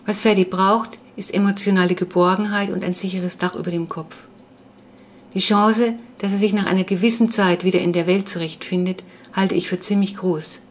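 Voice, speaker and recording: A woman reading the part of a caring, persuasive middle-aged mother in an audiobook, calm and reasoning. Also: medium pitch, normal speed, a little hiss or hum, lightly acted. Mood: earnest.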